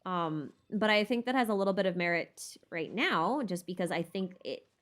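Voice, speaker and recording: A woman streamer with a lowish voice and lively intonation speaks at normal speed while hosting a lore Q&A. She chats casually about game lore, thinking aloud in a tentative, rambling way as she answers questions.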